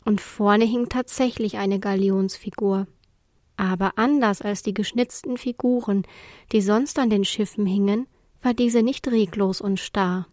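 A woman narrating a children's storybook chapter in a clear, even reading voice. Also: medium pitch, a little slow, no room sound, studio quality. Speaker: audiobook reader.

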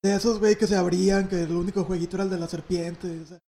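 A young Mexican man tells a story among friends, quick and excitable, sprinkled with slang and swearing. His voice sits high for a man, and he rattles along at speed. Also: vocal fry, echoey room. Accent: Mexican Spanish.

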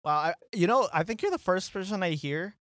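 Guy on a sports pod, kinda high voice, dry close mic, jokey and rambly. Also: brisk, no echo. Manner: animated, teasing, rambling with fillers. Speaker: podcast co-host. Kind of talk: casual sports chat.

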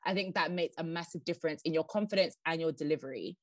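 A woman guest on a podcast giving interview tips, who says she talks fast and laughs now and then. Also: sits low, no echo. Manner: fast-talking, laughs often.

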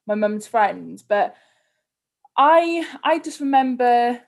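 A woman's voice: on the high side, expressive, slow, creaky. Candid woman with a Cardiff accent. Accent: Cardiff Welsh. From Cardiff, Wales. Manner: candid, conversational, heavy use of "like". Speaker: podcast guest, influencer. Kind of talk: casual personal interview chat.

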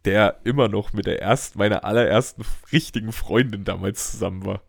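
Podcast host, male; chatty and rambling, jokes a lot, low voice, dry recording. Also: fairly quick, creaky, no room sound. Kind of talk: casual chat.

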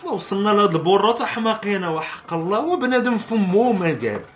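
A man's voice: sits high, very animated, quick pace, noisy background. A man with a Moroccan Arabic accent hosting a podcast, ranting in a sarcastic, mocking comedic way. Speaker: podcast host. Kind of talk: comedic rant commentary.

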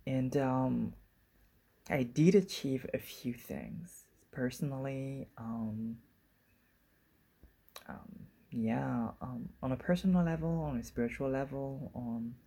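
A woman in her forties talks through a casual solo podcast, thinking aloud and circling back on her points. Her voice is dark and husky with a gravelly edge, and she takes her time. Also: a bass voice. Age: 40s. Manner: musing, circling back and restarting thoughts. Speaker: podcast host.

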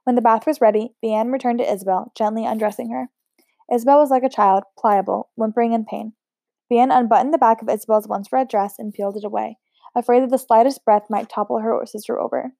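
A woman reads a novel aloud in a mellow, fairly high voice, steady and unpolished, now and then stumbling and restarting a word. The recording is dry and close, with no room sound. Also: brisk, gravelly, dry recording. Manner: steady, unpolished reading with occasional slips and restarts. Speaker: audiobook reader.

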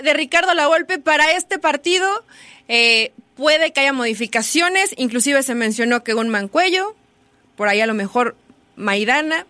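Female radio pundit, bright high voice, brisk and doubting, dry close sound. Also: no room sound. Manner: brisk, skeptical retorts. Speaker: sports radio commentator. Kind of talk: heated studio debate. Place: radio studio.

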